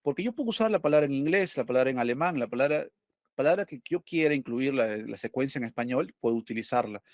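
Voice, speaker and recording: A man's voice: mid-range voice, expressive, quick pace, no echo, studio quality. A male teacher going over test questions, explaining step by step and asking and answering his own questions.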